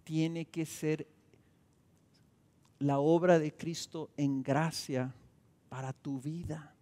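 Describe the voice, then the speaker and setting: A Mexican pastor preaches a sermon in a church sanctuary, his voice on the high side, flat, slow and mellow. He drives his points home with emphatic bursts and rhetorical questions, and the recording carries the reverb of the church hall.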